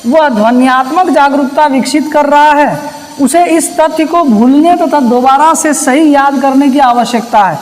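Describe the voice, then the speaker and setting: High-voiced woman teacher in a reverberant room. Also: unhurried, a little mellow. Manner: asks rhetorical questions and answers them, repeats key terms. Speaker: exam-prep teacher. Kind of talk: recorded lesson solving past exam questions. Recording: long reverb, echoey room.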